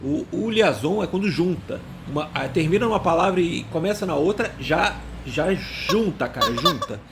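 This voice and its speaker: A man talks his way through a comedic language monologue, tripping over words and mocking himself. His voice sits a little high for a man. Faint noise hums under the recording. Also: expressive, moderate pace. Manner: rambling, self-mocking, stumbles and searches for words. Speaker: language video host.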